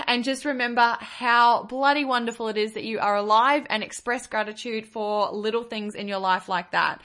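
Aussie woman doing a motivational podcast, bright highish voice, super gushy and affectionate to listeners. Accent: Australian. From Australia. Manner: effusive, gushing, addressing listeners affectionately. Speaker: podcast host. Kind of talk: upbeat motivational podcast monologue.

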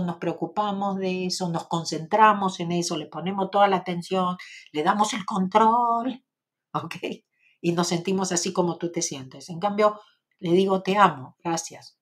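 A woman with an Argentine accent answers viewers in a casual live-stream Q&A. Her voice is slightly husky and breathy, and her pitch sits in a middle range. She reassures her audience and keeps checking in with a quick "ok?". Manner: reassuring, tags sentences with "¿ok?". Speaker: spiritual teacher hosting a live stream.

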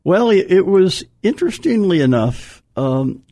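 A man's voice: high voice, sing-song, measured pace, mellow, no room sound, clean studio sound. An older man from Pennsylvania, a radio interview guest who rambles, restarts his sentences and chuckles often. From Pennsylvania, USA.

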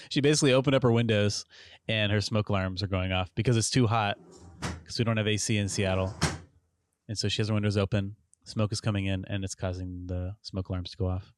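A man hosting a podcast in casual conversation, joking, chuckling often and reading passages aloud. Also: sits low. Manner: chuckling, jokey, reads aloud. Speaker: podcast host. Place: Seattle home.

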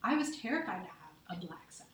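A woman and mother talking earnestly and deliberately in a candid conversation, heard on a distant mic in an echoey room. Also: mid-range voice, sing-song, slight background noise. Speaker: podcast guest, mother.

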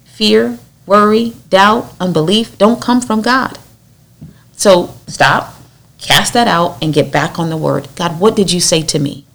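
Low, gravelly woman teaching scripture. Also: a little slow, fairly bright tone. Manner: earnest, exhorting, acts out quoted speech. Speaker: Bible study teacher. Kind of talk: conversational Bible teaching.

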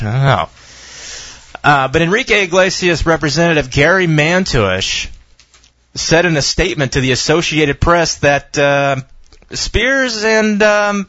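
Sarcastic guy ranting on his web radio show, real slow, dry dull lo-fi sound. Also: fairly high pitch, a bit bright, dry recording. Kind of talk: opinionated talk radio monologue. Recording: dull dry lo-fi stream audio.

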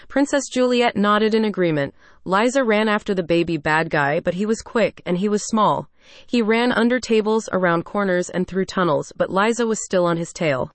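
A woman narrating a scripted children's story in a steady storybook reading. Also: mid-range voice, no echo.

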